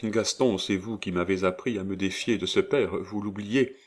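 A man's voice: fairly low pitch, normal speed, natural voice. A man voicing a proud, dignified young woman in an audiobook, speaking with a firm, regal tone. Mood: earnest.

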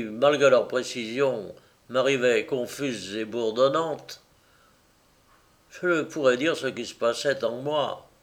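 A man reading a novel aloud as an audiobook narrator, slow and expressive in a mournful way. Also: medium pitch.

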